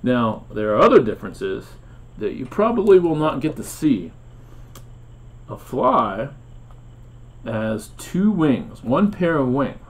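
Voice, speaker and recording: A man hosting an educational explainer about insects, playful and theatrical. He poses dramatic questions, chuckles often and pauses on fillers at a middle pitch. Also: big pitch swings. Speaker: host.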